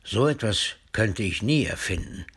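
A man's voice: lowish voice, animated, a little slow, fairly bright tone, husky, exaggerated voice. A man voicing a kind, joking father in a storybook reading, with a playful, teasing manner.

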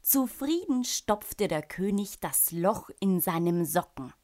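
A woman reading a children's storybook aloud, calm and clear. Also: mid-range voice, slow.

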